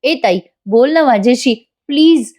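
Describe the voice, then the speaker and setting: A woman's voice: high voice, normal speed, lightly acted. A woman voicing a remorseful young woman who tearfully begs her older sister to speak to her. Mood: imploring.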